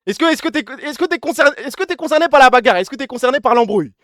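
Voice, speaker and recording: A man's voice: extremely high pitch, animated, rapid-fire, fairly bright tone, no echo, studio quality. A man streaming live, chatting loosely with his chat and callers, mocking and swearing freely. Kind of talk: casual livestream chat.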